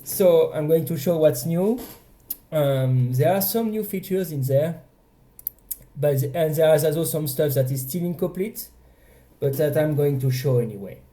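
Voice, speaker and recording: A young man with a French accent talks through his game project in a relaxed video-diary way. His voice is very dark and mellow, and he often stops to correct his words as he goes. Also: on the high side, measured pace. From France. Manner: hesitant, self-correcting, chatty. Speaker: indie game developer. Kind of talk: casual devlog walkthrough.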